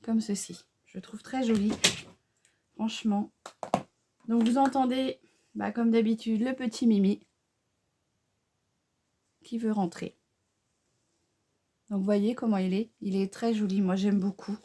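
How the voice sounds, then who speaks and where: A middle-aged woman, chatting homely and unhurried through a makeup tutorial, with fillers and self-corrections. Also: medium pitch, steady tone, background noise. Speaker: beauty vlogger. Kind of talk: casual makeup tutorial chat.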